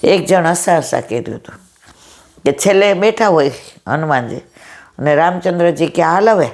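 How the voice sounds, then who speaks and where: A middle-aged woman with a loud, powerful voice, giving a devotional storytelling discourse and acting out the dialogue in her stories. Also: fairly low pitch, expressive, moderate pace. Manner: retells stories with quoted dialogue. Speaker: satsang speaker.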